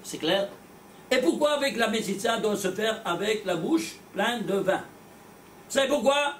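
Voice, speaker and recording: High-voiced rabbi lecturing in an echoey room. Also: male voice, moderate pace, recorded from a distance, a little hiss or hum. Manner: animated, rhetorical questions, repeats words, blunt asides. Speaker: rabbi teaching a class. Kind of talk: lively religious lecture to a small class. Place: classroom with students.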